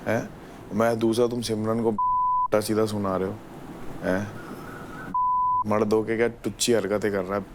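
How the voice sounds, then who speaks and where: A young man, a reality show contestant, arguing bluntly with rough slang. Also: on the low side, huge pitch swings, normal speed, pauses often, very noisy. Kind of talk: heated argument.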